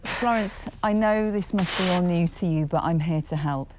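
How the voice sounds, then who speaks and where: An actress playing a calm female resident psychiatrist who speaks in a measured, dryly patient way. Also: fairly low pitch, noisy background, natural voice. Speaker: actor.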